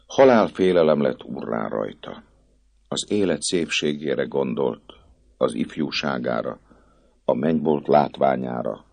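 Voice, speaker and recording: A man narrating a dramatic story in an expressive audiobook reading. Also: a bass voice, vocal fry. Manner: expressive, rising and falling with the drama.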